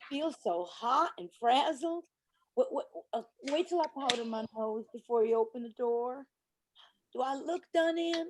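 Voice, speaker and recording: A woman's voice: high voice, animated, takes it slowly, long pauses. An actress playing a fragile, flirtatious, nervy genteel woman with an affected manner in a stage play. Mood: flustered. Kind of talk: stage play acting over a remote reading. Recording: noisy home recording.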